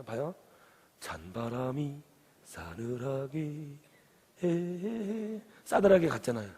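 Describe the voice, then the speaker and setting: Husky Gyeongsang pastor in a reverberant hall. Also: male voice, on the high side, warm tone. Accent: Gyeongsang Korean. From Gyeongsang region, Korea. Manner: asks the congregation questions and urges them to answer. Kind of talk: sermon.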